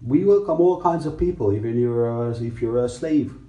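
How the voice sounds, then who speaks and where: A man's voice: mid-range voice, expressive, moderate pace, dark tone, highs cut off. A man hosting a casual, crude comedy podcast in an irreverent, tongue-in-cheek manner, recorded in an echoing bathroom. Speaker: podcast host. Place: bathtub in a small bathroom.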